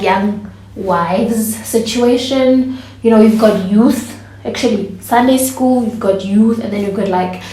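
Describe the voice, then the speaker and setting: A woman's voice: medium pitch, mellow. A woman, chatting casually to camera as a vlogger and laughing often. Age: 20s. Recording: echoey room.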